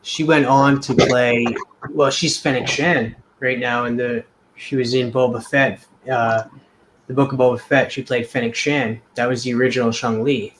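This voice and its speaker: A man's voice: mid-range voice, level tone, moderate pace, noisy background. A man on a drawing talk show, chatting casually and rambling with many hesitations and restarts. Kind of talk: casual chat while drawing.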